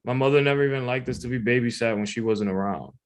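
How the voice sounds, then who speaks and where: A man's voice: mid-range voice, quick pace. Man reading his personal essay aloud. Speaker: writer reading own submission.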